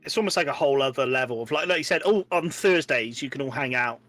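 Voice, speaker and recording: A man's voice: medium pitch, fast talker, music in the background. A man hosting a podcast in casual chat, rambling with many fillers like "like" and "you know".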